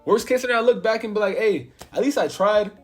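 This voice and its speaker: Young guy in his twenties, high voice, swears a lot, motivational vlog over soft music. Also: fast. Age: 20s. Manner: casual, blunt, swears often, emphatic. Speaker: vlogger. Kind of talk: motivational monologue.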